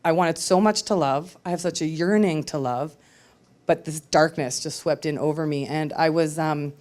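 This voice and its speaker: At a live storytelling event, a woman with a low, slightly mellow voice tells her story to an audience at normal speed. She is candid and reflective, hesitating frequently.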